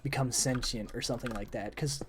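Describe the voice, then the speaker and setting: Losing his voice, which keeps cracking, a young man chats with a friend about story ideas during a gaming session, rambling with many fillers. He talks at a medium pitch in a steady tone, a little fast, over a noisy background.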